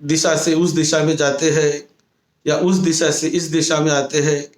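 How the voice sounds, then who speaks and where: A man, a Buddhist monk, telling a moral story in a sermon, retelling it slowly and often restating his phrases. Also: a little high, level tone, roomy sound.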